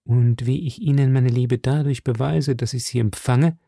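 A man's voice: medium pitch, fairly even intonation, normal speed, vocal fry, mellow, no room sound, studio quality. A man voicing a cold, scheming young noblewoman who speaks in a cutting, mocking tone.

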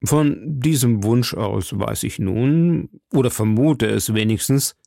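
A man playing a coldly mocking aristocratic lord who speaks in a smooth, measured and sneering way. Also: mid-range voice, dark tone, dry recording, clean studio sound.

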